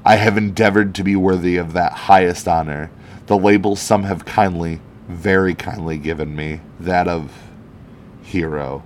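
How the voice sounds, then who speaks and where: A man's voice: low voice, fairly even intonation, a little hiss or hum, natural voice. A man reading as a solemn alien superhero orator. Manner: measured, earnest oratory. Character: solemn heroic male alien superhero giving a public speech. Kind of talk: reading a comic speech aloud.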